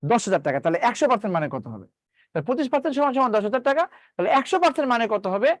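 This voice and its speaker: Male math teacher, rapid patter, swinging pitch, keeps re-asking the class. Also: very animated, no echo, studio quality. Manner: repeats questions to students, coaxing and drilling. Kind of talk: live online math lesson.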